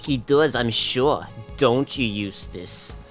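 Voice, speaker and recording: A stern old legal authority acted by a man talks down to everyone with smug, sardonic deliberation. It is a medium-pitched voice from a comic game dub, with faint music underneath. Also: slow pace, natural voice. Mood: condescending.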